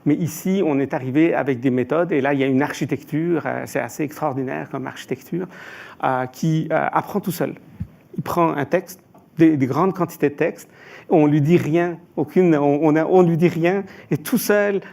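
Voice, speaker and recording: A man's voice: on the high side, normal speed, creaky, a little mellow. A man from Iran answering as an expert panelist, hesitant, with frequent filler sounds and restarts.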